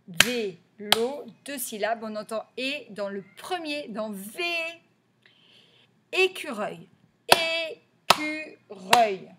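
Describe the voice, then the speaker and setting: Slow, patient French teacher woman. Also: mid-range voice, a bit bright. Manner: slow, patient, repeats each word clearly and stresses sounds. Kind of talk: early reading lesson for young children.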